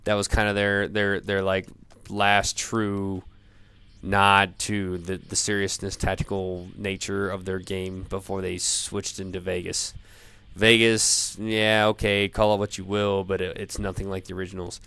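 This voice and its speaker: A man in a profane off-the-cuff gamer rant, sounding drunk, rambling haltingly and repeating himself. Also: sits low, level tone, gravelly, pushed and bright, clear, resonant tone. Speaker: gamer ranting about video games.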